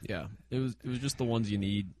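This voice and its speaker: A man's voice: mid-range voice, steady tone, quick pace, a little mellow, slight background noise. A man co-hosting a casual sports podcast, easygoing and agreeable as he chimes in. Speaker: podcast co-host.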